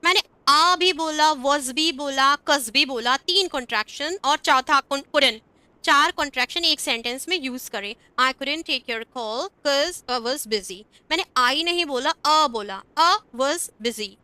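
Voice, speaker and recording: A young Indian woman teaching English online, saying example sentences slowly and carefully between quicker explanations. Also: high-pitched, sharp tone, dry recording.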